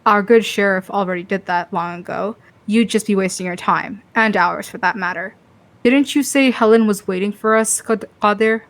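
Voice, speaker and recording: A woman's voice: medium pitch, moderate pace, close to an everyday voice. A woman reading game dialogue as a haughty, dismissive senior vampire, cool and condescending.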